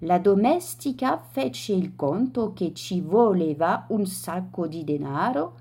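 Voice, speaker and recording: A woman reading a children's story aloud in a slow, deliberate storytelling manner. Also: fairly low pitch, lively intonation, warm tone, slightly rough.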